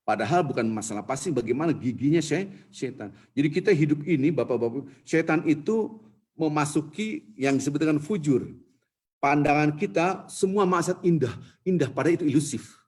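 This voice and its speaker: A man preaching to a mosque congregation, driving points home with repeated words and dropping to a hushed pleading voice when acting out prayers. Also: on the high side, slightly rough. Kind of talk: Islamic sermon to a congregation.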